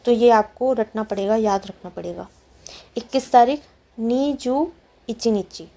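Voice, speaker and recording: A woman teaching a language lesson, repeating each word slowly and explaining it patiently. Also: fairly high pitch, dark tone. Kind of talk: slow, careful vocabulary lesson.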